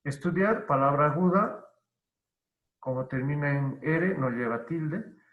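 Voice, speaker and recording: A male teacher giving an online grammar lesson, who explains deliberately, repeats key terms and asks and answers his own questions. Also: on the high side, lively intonation. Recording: roomy, dull lo-fi online class audio.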